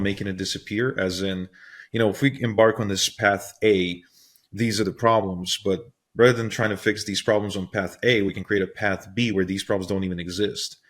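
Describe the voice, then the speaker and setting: Man, podcast host, thoughtful, searching for words, very deep voice. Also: fairly bright tone. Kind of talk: conversational podcast interview.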